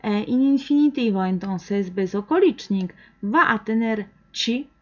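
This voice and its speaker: A woman teaching an online language lesson, who talks slowly and patiently and waits for the learner to answer. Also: mid-range voice, lively intonation. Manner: slow, patient, encouraging, with pauses for the learner to answer. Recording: dull, lo-fi recording.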